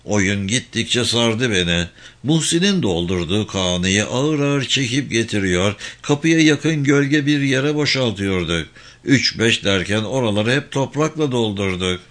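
A man reads a story aloud at a middling pitch, steady and even, stopping now and then for a short footnote aside. It sounds like an audiobook narration. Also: unhurried.

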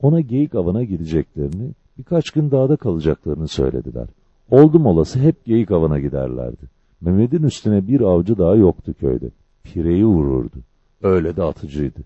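A man reading a village story aloud in steady, lively storyteller phrasing, in a dull lo-fi recording. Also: low-pitched, brisk, husky, dry recording. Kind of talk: scripted story narration.

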